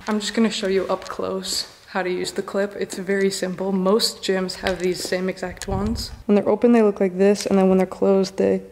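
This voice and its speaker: A woman's voice: mid-range voice, little pitch movement, normal speed, few pauses, a little mellow, roomy sound, a little hiss or hum. A woman in her twenties giving casual, encouraging gym tips for beginners, talking straight to the camera at close range. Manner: chatty, encouraging, says "literally" often. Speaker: fitness creator. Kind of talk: casual instructional vlog. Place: gym, then parked car, then bedroom.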